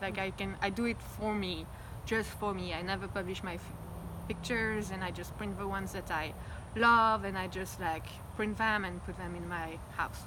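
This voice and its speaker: With a steady tone, a mid-range voice and normal speed, a reflective woman from Belgium in her 30s, French her first language, talks openly and at length in a candid personal interview. The outdoor phone-camera recording in front of her house picks up traffic noise.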